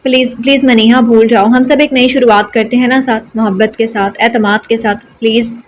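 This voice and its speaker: A woman's voice: a little high, steady tone, slight background noise, lightly acted. A woman voicing a remorseful young husband who pleads earnestly and coaxes his wife in an audio novel. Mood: pleading. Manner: earnest and coaxing.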